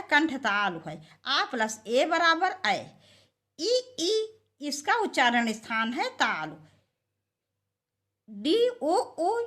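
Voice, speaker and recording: Woman teacher, slow and lively, for a quiz lesson. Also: high voice. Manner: reads options slowly, then explains with stressed syllables.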